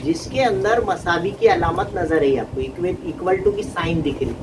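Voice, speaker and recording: A man's voice: sits high, moderate pace. A man teaching a math class, explaining patiently and often asking his students questions. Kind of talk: classroom lesson. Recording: distant mic with traffic noise.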